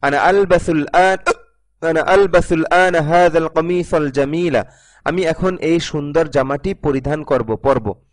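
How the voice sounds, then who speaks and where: A man's voice: on the high side, slow. A man giving a recorded Arabic grammar lesson, reading example sentences, translating and explaining them step by step, sometimes correcting himself. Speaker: Arabic teacher.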